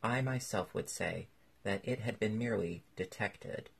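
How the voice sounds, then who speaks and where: A man reading aloud voices a quiet, dry-witted old gentleman with an understated delivery. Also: lowish voice, measured pace, creaky, breathy edge, heavily acted.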